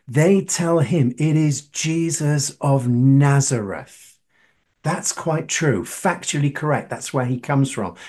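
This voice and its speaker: A man's voice: medium pitch, dark tone. A man, preaching a sermon and putting questions to his listeners with emphasis. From northern England.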